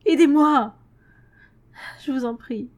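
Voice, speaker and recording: A woman's voice: medium pitch, moderate pace, darkish tone, lightly acted. A woman voicing a terrified ordinary man who pleads and sobs in a story reading. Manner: pleading, panicky, tearful.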